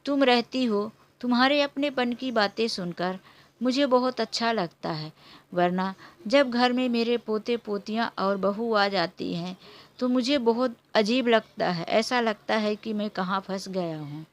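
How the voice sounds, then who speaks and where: A woman's voice: on the high side, a little slow, natural voice. A woman doing a weary old grandfather. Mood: lonely. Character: hurt elderly grandfather, gentle and lonely. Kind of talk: storybook character voice.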